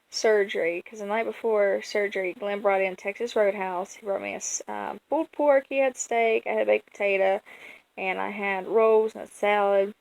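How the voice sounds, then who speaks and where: An American woman telling a personal story in a casual, folksy vlog style, chatty and animated as she quotes herself and leans on words for emphasis. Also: mid-range voice, vocal fry, rough recording. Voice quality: colloquial, folksy speech. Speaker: vlogger.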